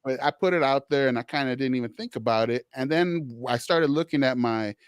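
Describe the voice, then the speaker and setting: A man's voice: medium pitch, brisk, clear, resonant tone, no room sound. A man with a mid-range voice hosts a conversational podcast. He rambles a little and restarts his sentences, with "you know" sprinkled throughout. The sound is dry and close to the mic. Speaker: podcast host, social worker.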